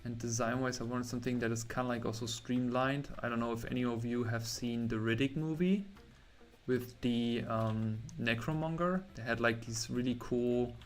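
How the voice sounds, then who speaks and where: A man's voice: medium pitch, fairly even intonation, normal speed. A young man from Germany chatting casually with viewers while he draws on a livestream, rambling and breaking off mid-word. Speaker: artist streaming a drawing session.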